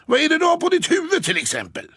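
A man's voice: very high voice, huge pitch swings, bright, forceful tone, dry recording, clean studio sound, voice pushed up, full character voice. A man voicing a proud, grumpy male town cat in an audiobook, speaking in a stern, haughty way. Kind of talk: audiobook character voice.

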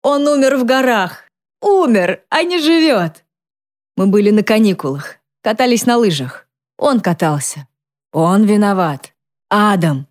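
A woman voicing a drunk, distraught mother who slurs and lurches between mumbling and shouting, in an audiobook reading. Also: medium pitch, expressive, unhurried, voice pushed up, natural voice. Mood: hysterical.

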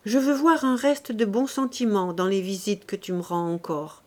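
A woman's voice: medium pitch, fairly even intonation, moderate pace, a little mellow, close to an everyday voice. A woman reading the lines of a charitable young woman who scolds the poor firmly but kindly. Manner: firm, scolding but kind.

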